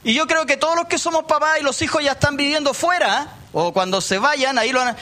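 A man's voice: very high-pitched, fast talker, pushed and bright. A middle-aged man from Chile with a Chilean Spanish accent, preaching a sermon in a conversational way, with asides to the congregation. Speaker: pastor. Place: church meeting hall.

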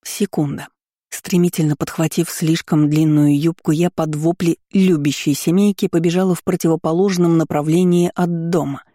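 A woman's voice: deep voice, fairly even intonation, moderate pace, mellow, no echo, clean studio sound. A woman narrating a first-person novel as an audiobook, reading steadily and expressively.

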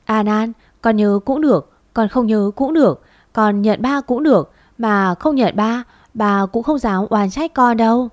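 A woman voicing an aging, gentle father who speaks slowly in a choked, pleading way. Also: on the high side, no room sound, clean studio sound, close to an everyday voice. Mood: tearful.

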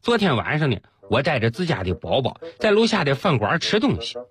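A man radio host telling comic first-person stories with dramatic pauses, over background music. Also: mid-range voice, a crowd in the background. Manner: animated storytelling with comic pauses. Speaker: radio host reading jokes. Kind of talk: scripted comic storytelling. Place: radio studio.

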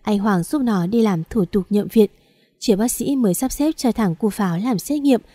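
Mellow woman narrating an audiobook. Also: mid-range voice, moderate pace, no room sound, clean studio sound. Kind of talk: scripted narration.

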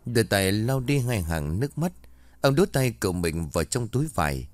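A man's voice: lowish voice, sing-song, normal speed, darkish tone. A man narrating a ghost story, voicing each character's lines himself.

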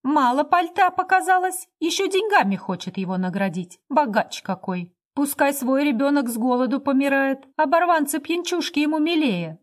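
A woman's voice: a little high, animated, moderate pace, hardly any pauses, darkish tone. A woman reading the part of a downtrodden wife who speaks with apathetic, bitter pleading.

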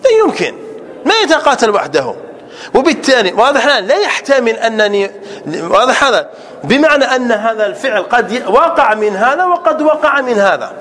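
A man's voice: extremely high pitch, big pitch swings, brisk, fairly bright tone. A male scholar teaching a classroom grammar lesson, repeating example sentences and quizzing his listeners as he explains.

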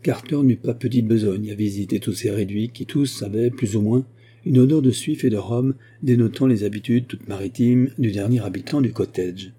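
Male audiobook narrator, steady measured delivery, low register, very dark husky timbre. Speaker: audiobook reader. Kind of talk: scripted narration.

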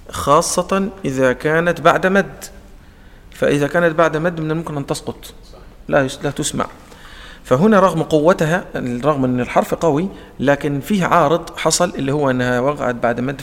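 In a large hall, a man with a slightly high voice and an Egyptian Arabic accent teaches Quran recitation in colloquial speech. He explains by asking questions and answering them himself, acting out the sounds as he goes.

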